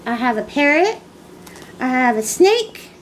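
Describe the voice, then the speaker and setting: A woman in her thirties from Canada talks in a slow, easy way as she answers tag questions on her vlog. Her voice sits high, she sounds a little tired, and faint noise runs underneath. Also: big pitch swings, poor audio. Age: 30s. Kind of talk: casual chat.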